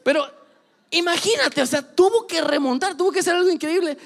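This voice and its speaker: A young man giving a casual, joking sermon full of animated sports stories. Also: extremely high pitch, fairly quick, gravelly. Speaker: preacher. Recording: long reverb of a large hall.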